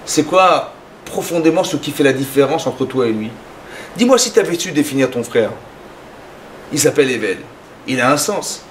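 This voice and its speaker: A man giving a lively sermon as a rabbi, acting out little dialogues in his talk. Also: moderate pace, long pauses, a little hiss or hum. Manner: animated, acts out dialogues with rising pitch.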